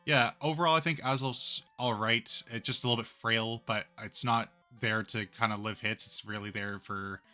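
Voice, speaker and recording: Young guy hosting a draft stream, lowish voice, lots of uhs, soft music in the back. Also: fairly even intonation, moderate pace, hardly any pauses. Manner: upbeat, analytical, with many fillers. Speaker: league coach and draft host. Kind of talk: casual stream chat.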